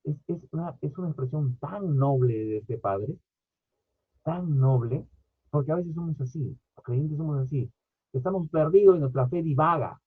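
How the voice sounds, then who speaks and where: A man preaching a sermon, swinging between loud emphatic bursts and quiet asides. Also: on the high side, normal speed, slightly rough, no room sound. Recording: tinny lo-fi phone-like audio.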